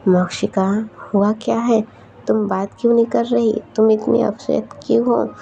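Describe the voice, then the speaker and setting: An anxious young student girl, voiced by a woman narrator asks worried questions and pleads to be understood. The voice sits a little high and gravelly. The recording is dull with faint noise. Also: level tone, normal speed, dark tone.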